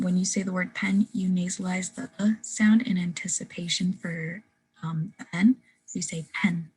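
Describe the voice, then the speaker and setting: A woman's voice: on the low side, a little mellow, rough recording. A young woman giving a class presentation on phonetics, earnest and full of "um" fillers. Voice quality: very husky. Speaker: student presenter.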